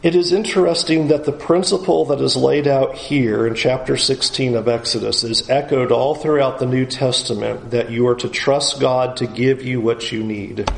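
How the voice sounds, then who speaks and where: A man preaching an expository sermon, animated and acting out the people's complaints. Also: medium pitch, creaky. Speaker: pastor. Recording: roomy echo, faint background noise.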